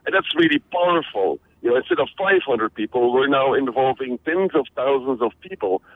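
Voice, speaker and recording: Heard through a thin, phone-like radio connection, the interviewee is a conference organizer from Belgium. He speaks briskly and expressively at medium pitch, full of energy, frequently doubling up words at the start of sentences.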